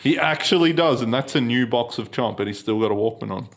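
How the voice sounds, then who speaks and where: A man's voice: mid-range voice, expressive, quick pace. A man, co-hosting a comedy podcast in a casual joking chat. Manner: joking, acts out silly voices, laughs often. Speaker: podcast co-host.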